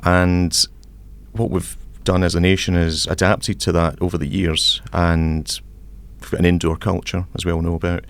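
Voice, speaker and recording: A man in his forties with a Scottish accent, answering interview questions about his engineering career in a measured, reflective way. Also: deep voice, little pitch movement, gravelly, smooth, no room sound. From Scotland. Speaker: civil engineer guest. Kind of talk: podcast interview.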